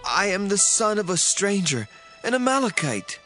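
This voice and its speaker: A man's voice: high voice, big pitch swings, moderate pace, pushed and bright, full character voice. An actor playing a young male Amalekite messenger who fled a battle, reporting in a breathless, pleading way in a dramatized scripture reading. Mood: urgent, pleading. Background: faint background music.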